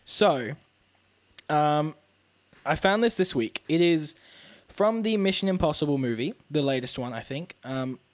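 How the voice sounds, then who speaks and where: A man's voice: on the high side, animated, a little slow, dry recording. Chatty man hosting a podcast. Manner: chatty, laughs often, trails off with fillers. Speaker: podcast co-host. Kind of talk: casual chat.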